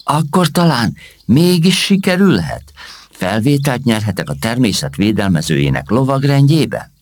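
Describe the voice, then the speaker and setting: An eager, clumsy young boy from a storybook, talking in a high, excited and flustered way, as a man puts him on. The pitch jumps far above a man's usual voice and swings widely.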